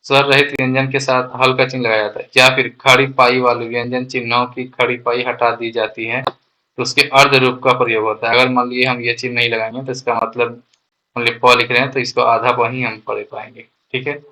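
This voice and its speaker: A man teaches a grammar lesson in a bright, clear voice that stays fairly level in pitch. He explains patiently step by step, draws out the example sounds slowly, and keeps checking that the learners are following. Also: flat delivery, rough recording. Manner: explains step by step and often adds "ठीक है" to check understanding.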